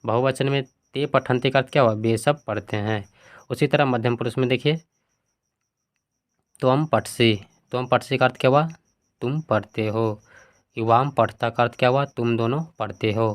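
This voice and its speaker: A man's voice: medium pitch, fairly even intonation, normal speed. A man teaching a textbook lesson who puts each question to his students and then answers it himself, reading word forms out one by one.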